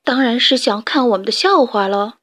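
A woman's voice: on the high side, expressive, moderate pace, a bit bright, no room sound, clean studio sound. A woman voicing jealous hens in a storybook, sneering and scornful. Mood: gossiping. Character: jealous gossiping hens in the coop.

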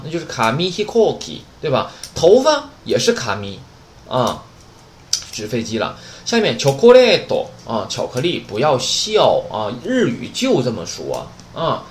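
A man with a slightly high voice and big pitch swings teaches a Japanese vocabulary lesson at a moderate pace, chatting, joking and often asking rhetorical questions. The recording carries a roomy echo and faint background noise.

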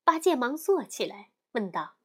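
A woman narrating a children's story in an expressive, storytelling manner. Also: fairly high pitch, breathy edge. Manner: slow, lively, expressive.

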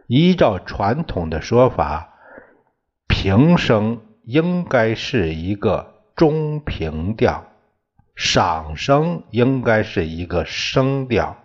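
A man teaching a class in a slow, deliberate way, often restating his terms. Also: on the low side, husky. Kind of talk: lecture on classical poetry tones. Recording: dull lo-fi recording.

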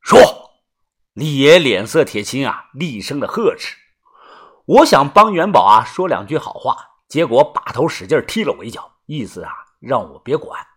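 A man narrating a first-person audiobook story in a colloquial way, filling pauses with drawn-out particles. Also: medium pitch, sing-song, fairly bright tone, breathy edge.

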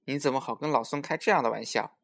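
A man's voice: medium pitch, fast, creaky, a bit bright. A man voicing a boastful male monkey king in a children's story, bold and hearty.

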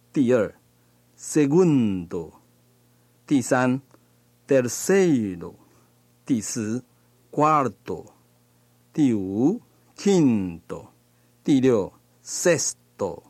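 Male language tutor, middle pitch, very slow, deliberate delivery, dry booth sound. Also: darkish tone, dry recording. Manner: slow, deliberate, pronouncing each word carefully. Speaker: language teacher. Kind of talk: slow recorded language lesson.

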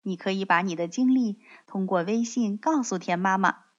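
A woman reading a children's storybook aloud in a slow, gentle way, speaking to the children. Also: medium pitch. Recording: dull lo-fi recording.

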